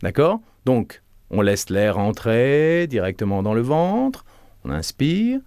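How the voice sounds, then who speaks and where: Give me a man leading a voice lesson, his pitch rising and falling in a lively, animated way. He coaches the listener warmly and patiently, showing each breath and hush himself. The recording is dry and close, with no room sound. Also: slow, smooth, dry recording. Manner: demonstrates breaths and hushing sounds, guides the listener step by step; lively, encouraging delivery. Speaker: voice and speaking coach.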